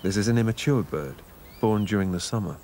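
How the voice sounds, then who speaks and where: A man narrating a scripted nature documentary in a measured, informative way. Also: lowish voice, a little mellow, a little hiss or hum.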